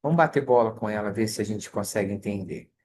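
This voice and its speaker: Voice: mid-range voice, quick pace, darkish tone, slightly rough. Conversational Brazilian study group leader. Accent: Brazilian Portuguese. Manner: conversational, checks in with listeners often. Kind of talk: online scripture study lesson.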